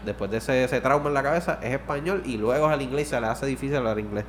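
A man in loose podcast chat, circling back on his own words and swearing freely. His voice sits at a middling pitch, with a faint hiss in the room. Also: fast. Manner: rambling, swears often, restarts mid-sentence. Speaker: podcast co-host. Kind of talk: casual chat.

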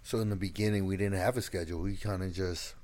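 A man's voice: low-pitched, fairly even intonation, quick pace, a little mellow. A man co-hosting a casual podcast, talking loosely and leaning on "like" and other fillers. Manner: loose, filler-heavy, often uses "like". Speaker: podcast co-host. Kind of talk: casual chat.

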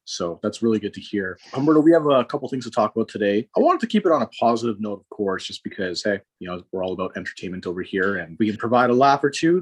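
A man's voice: lowish voice, slightly rough. A man hosting a podcast, leading with an upbeat, scripted-sounding introduction and casual questions. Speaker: podcast host.

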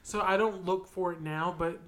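A woman's voice: lowish voice, steady tone, normal speed, a bit bright. A woman in her twenties co-hosting a casual podcast, rambling with many "like" fillers. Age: 20s. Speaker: podcast co-host. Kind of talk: casual chat.

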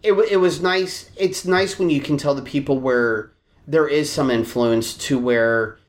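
A man co-hosting a podcast, talking in a rambling, animated way with many restarts and a Virginian accent. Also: mid-range voice, measured pace. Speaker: podcast co-host. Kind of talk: casual chat.

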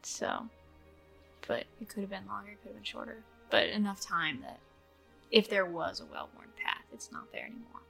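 A woman's voice: medium pitch, wildly swooping pitch, normal speed, vocal fry, pushed and bright, breathy edge, soft background music. A woman narrating a tabletop game as game master, casual and full of "like" fillers. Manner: casual, laughing, many "like" fillers.

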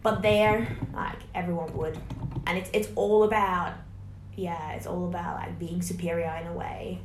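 A chatty young Hungarian woman, a native Hungarian speaker, talks at a moderate pace in a fairly low, fairly even voice. As an interview guest and graduating student, she laughs and tells anecdotes in a casual chat. The room is echoey and the background noisy.

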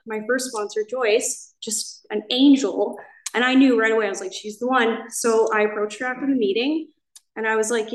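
A woman in her thirties with an American accent shares her story at a recovery meeting in a church hall. She talks candidly and emotionally, slightly nervous, with a fairly high voice. The room around her is echoey. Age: 30s. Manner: candid, emotional storytelling with many "I was like" quotes.

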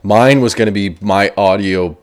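A man co-hosts a relaxed podcast chat, cracking self-deprecating jokes between his points. His voice sits low. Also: moderate pace. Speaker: podcast co-host. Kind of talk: casual podcast discussion.

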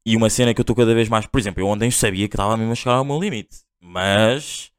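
A man's voice: fairly low pitch, fast, smooth. Young guy w/ european portuguese accent, podcast host, rambly, slangy, tons of fillers. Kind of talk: casual storytelling monologue.

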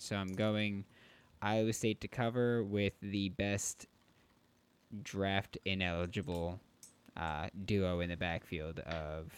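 A man's voice: low voice, a bit bright, a little hiss or hum. A man co-hosting a sports podcast, giving opinionated, teasing takes in casual banter.

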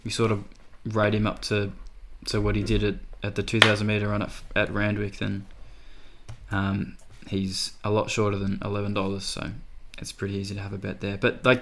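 A man's voice: on the low side, level tone, brisk, creaky, a bit bright. An Australian man chatting casually through horse racing form as a tipster, in a tentative, hedging way. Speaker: racing tipster, podcast co-host. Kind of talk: casual racing analysis chat.

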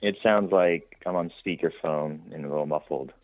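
A man's voice: a bass voice, normal speed, no room sound. A man in laid-back casual chat, heard over a phone call on speakerphone, a little muffled. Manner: laid-back and easygoing, with fillers. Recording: tinny muffled phone line.

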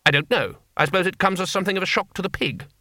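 A man doing bright bluff jovial War. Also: high voice, racing, no echo, clean studio sound, voice pushed up. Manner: bluff, cheerful, chatty. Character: hearty fatherly male War, jovial.

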